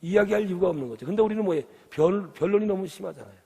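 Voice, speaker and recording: Husky Gyeongsang pastor in a reverberant hall. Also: male voice, sits high, animated, rapid-fire, mellow. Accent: Gyeongsang Korean. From Gyeongsang region, Korea. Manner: asks the congregation questions and urges them to answer. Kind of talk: sermon.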